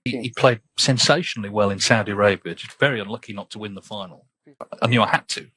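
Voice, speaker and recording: A man's voice: lowish voice, fast talker, pushed and bright, no echo, poor audio. A man giving snooker commentary in a conversational, reflective way. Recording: clear background noise with clicks. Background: noise and snooker ball clicks.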